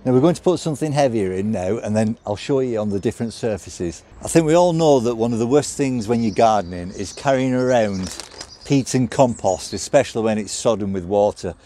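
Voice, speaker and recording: With a lowish, expressive, mellow voice and a brisk delivery, a man demonstrates a cart outdoors by a stone house on a gravel yard. He explains each step practically as he handles it, with slight background noise audible.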